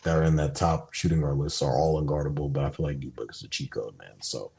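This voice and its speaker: A man co-hosting a sports podcast, talking casually in a rambling, animated way with lots of fillers. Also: very deep voice, fast talker, gravelly. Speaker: podcast co-host.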